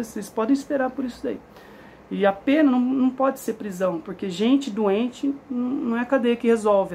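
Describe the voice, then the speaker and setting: A man's voice: sits high, gravelly, a little mellow, slight background noise. A Brazilian man speaking earnestly to camera about his own experience as a father, often checking in with his listeners. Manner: emphatic, earnest, frequent tag questions. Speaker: father sharing his story. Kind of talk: casual spoken testimony to camera.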